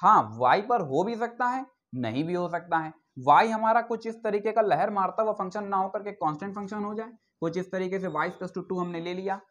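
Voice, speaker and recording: A man teaching maths in a classroom lecture, his voice sitting a little high. He keeps checking whether the students follow, repeats key terms, and dictates definitions slowly. The recording sounds dull and lo-fi. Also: a bit bright. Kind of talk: classroom lecture on real analysis.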